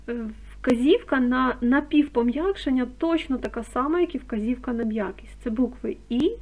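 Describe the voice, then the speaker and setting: A woman teacher giving a school lesson on phonetics, speaking clearly and deliberately and stressing key terms. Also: fairly high pitch, a little mellow. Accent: Ukrainian.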